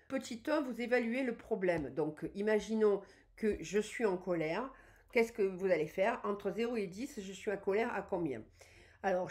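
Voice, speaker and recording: A woman's voice: mid-range voice, a little mellow. A woman teaching an EFT tapping routine on her channel, naming each point and repeating phrases as she demonstrates. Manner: explains step by step, counts and repeats phrases while demonstrating.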